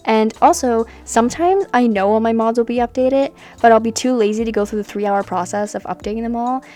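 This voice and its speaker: A woman's voice: on the high side, brisk, a little mellow. A young woman chatting casually over gameplay, rambling and self-deprecating, with frequent laughs. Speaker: sims builder and video creator.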